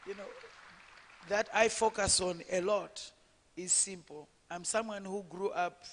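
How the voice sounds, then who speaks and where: A woman from Zimbabwe with a low voice that callers take for a man's, speaking as a politician on a panel. She talks in a measured way, pausing on fillers and restarting her sentences. A long reverb from the conference hall trails her voice. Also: steady tone. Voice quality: low voice often taken for a man's. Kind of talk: personal account on a conference panel.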